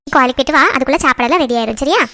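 A woman's voice: high voice, racing, bright, forceful tone, pitched below the performer's own voice. A woman voicing a worried, caring middle-aged mother in a cartoon, fussing and asking questions. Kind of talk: cartoon voice acting.

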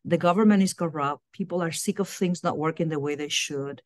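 Speaking from a small home room over a laptop webcam, this middle-aged woman from Puerto Rico is a guest being interviewed about her work as a university diversity director. Her low voice moves briskly, and the recording is dry and studio quality. Earnest in manner, she frequently repeats words as she looks for the right phrasing.

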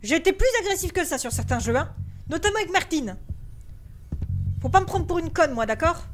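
A woman's voice: very high-pitched, expressive, a little fast, soft background music. A woman streaming a horror game in live commentary, jumpy and easily irritated, swearing and talking to herself with English words mixed in.

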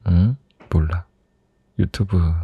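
A young man in a soft, intimate ASMR role-play as a teasing, doting boyfriend, close to the microphone. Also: deep voice, takes it slowly, breathy edge, no room sound, muffled recording. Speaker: ASMR performer playing a boyfriend.

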